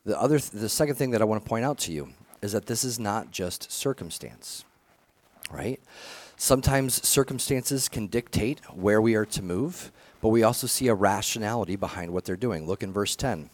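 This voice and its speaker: A man with a somewhat low voice delivers a conversational sermon as a pastor. He talks earnestly, often restarting phrases and dropping in casual fillers as he teaches. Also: lively intonation, normal speed.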